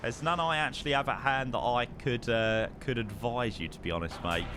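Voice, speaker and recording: A man's voice: mid-range voice, fairly quick, pushed and bright, soft background music. A British man chatting casually and matily on a flight simulator livestream, often repeating words as he comments on his flying.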